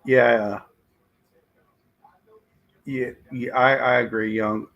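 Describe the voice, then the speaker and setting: A man hosting a live stream, hoarse and losing his voice, reacting to draft picks and answering his chat in casual commentary. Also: medium pitch, flat delivery, drawn-out words, fairly bright tone, dull audio. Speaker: livestream host.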